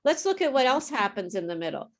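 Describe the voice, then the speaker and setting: Brief: woman pronunciation teacher, friendly, slightly high voice, frequent check-ins. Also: very animated. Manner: friendly, explains slowly and checks understanding with okay. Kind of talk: live online group class.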